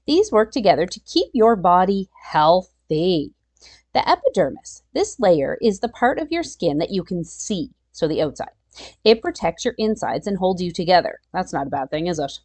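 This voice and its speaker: A children's storytime reader with a medium-pitched, slightly mellow voice reads a nonfiction picture book aloud expressively. She adds chatty asides and exclamations aimed at her young listeners.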